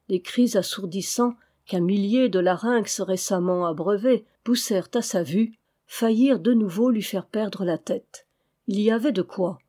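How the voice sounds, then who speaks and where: A woman narrating a classic adventure novel aloud in a measured, expressive way. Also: mid-range voice. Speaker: audiobook reader.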